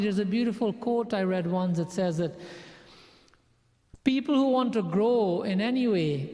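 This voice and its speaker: A man leads a prayer session with an earnest spiritual sermon, repeating phrases for emphasis and building lists of them in a measured delivery. His voice is high-pitched with a darkish tone, and a long hall reverb surrounds it.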